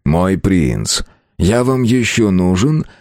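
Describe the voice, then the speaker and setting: Guy doing a creepy polite torturer, slow and cold. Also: low-pitched, very animated, a little mellow, no room sound, clean studio sound, heavily acted. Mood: courteous. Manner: respectful, cold.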